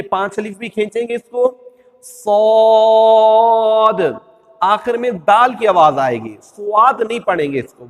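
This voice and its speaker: Male Quran teacher, Pakistani Urdu accent, patient and repetitive, high voice in a reverberant room. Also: a bit bright. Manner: patient, repeats rules, draws out letter sounds. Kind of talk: step-by-step recitation lesson.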